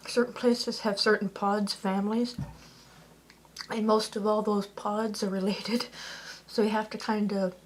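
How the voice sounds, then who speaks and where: A woman's voice: medium pitch, flat delivery, a little slow, a little hiss or hum. A woman vlogging in a casual, rambling way, peppering her talk with "like" and correcting herself as she goes. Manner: chatty, lots of "like", self-correcting.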